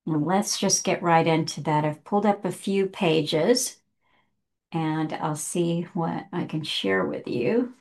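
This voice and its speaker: Woman, unhurried, gravelly, lowish voice, rambling book chat. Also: darkish tone. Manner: chatty, self-correcting, careful reading aloud. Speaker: book discussion host. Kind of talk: casual rambling book talk.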